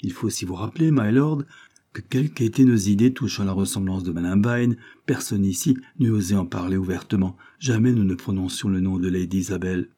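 A man reading the part of a sensible woman explaining events, in a brisk, explanatory manner. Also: deep voice, mellow.

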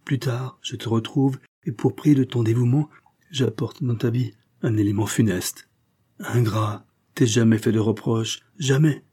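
A man's voice: medium pitch, steady tone, unhurried, mellow, slightly rough. A man reading aloud, voicing a remorseful young man who confesses his faults to his mother with heated emotion. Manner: emotional and self-accusing.

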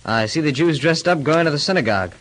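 An actor playing a brisk, insistent husband who speaks curtly and matter-of-factly, in 1930s radio drama style. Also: male voice, on the high side, lively intonation, a bit bright, rough recording. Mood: firm. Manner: curt, matter-of-fact firmness.

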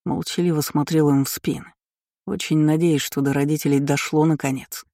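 A man reading a first-person fantasy story aloud in an even, measured narrating voice. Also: on the high side, no echo, studio quality. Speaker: audiobook narrator.

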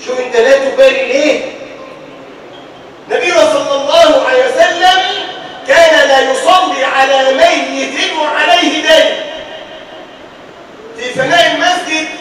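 A man with an Egyptian accent preaching a sermon, telling stories dramatically with loud exclamations and low asides. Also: slight background noise. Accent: Egyptian Arabic. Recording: echoey hall, distant mic, faint ambience.

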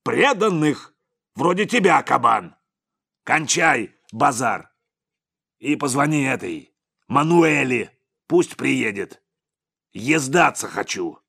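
A man voicing an angry, coarse middle-aged male crime boss who shouts and swears in an audiobook. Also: mid-range voice, sing-song, slow, creaky, long pauses, slightly rough, pitched above the performer's own voice, heavily acted. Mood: furious shouting. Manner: shouting, swearing, nervous bluster.

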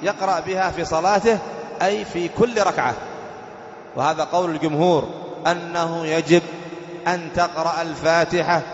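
A man teaching a religious lesson. He explains point by point, repeats the key rules and slows down to recite verses with careful stress. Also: on the high side, steady tone, slight background noise. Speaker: sheikh teaching fiqh. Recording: echoey hall, dull lo-fi sound.

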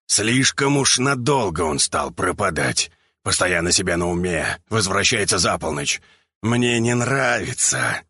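A man's voice: deep voice, sing-song, unhurried, bright, forceful tone, slightly rough, no room sound, studio quality, exaggerated voice. A man voicing a menacing young male mutant who growls through clenched teeth. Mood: sullen.

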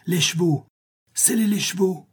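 A man's voice: sits high, a little slow, breathy edge, pitched above the performer's own voice. A man voicing a young American man who takes charge, barking commands over a storm in a read-aloud story. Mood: commanding.

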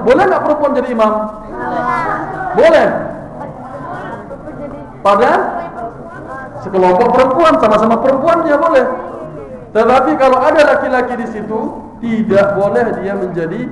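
A man's voice: very high voice, normal speed, pauses often. A man teaching a religious class for teenagers, quizzing the audience and repeating their answers back to them. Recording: echoey hall.

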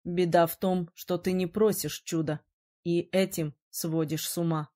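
Brooding male mage, sarcastic but protective, mid-pitched, woman reading. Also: steady tone, moderate pace, darkish tone, natural voice. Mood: soft tender. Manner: teasing, then gruff and commanding. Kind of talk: audiobook character reading.

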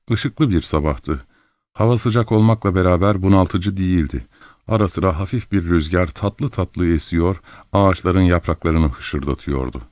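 A man reading a novel aloud in a calm, measured way. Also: low voice, no echo, studio quality. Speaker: audiobook narrator. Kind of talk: scripted narration.

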